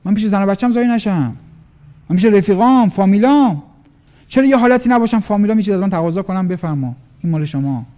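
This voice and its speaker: A man giving an animated motivational business talk, acting out little dialogues in different voices. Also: high-pitched. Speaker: business trainer.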